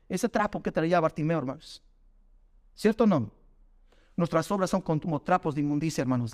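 A man preaching a sermon, often addressing his listeners as brothers and asking them rhetorical questions. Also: high voice. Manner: keeps calling the audience "hermanos" and asks rhetorical questions.

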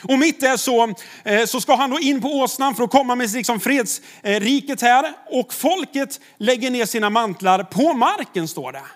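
A man's voice: very high-pitched, animated, few pauses. A man, a pastor, preaching a sermon in a conversational way, with rhetorical questions to the congregation.

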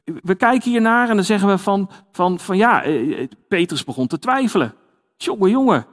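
A man's voice: high-pitched, animated, normal speed, big-room sound. A man giving a conversational sermon, with many fillers and restarts. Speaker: preacher.

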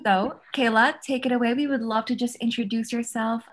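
A young woman co-hosting a podcast, introducing her guest with enthusiastic, gushing warmth. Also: a little high, steady tone, normal speed. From Cape Cod, Massachusetts. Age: young adult. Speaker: podcast co-host. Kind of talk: casual podcast interview.

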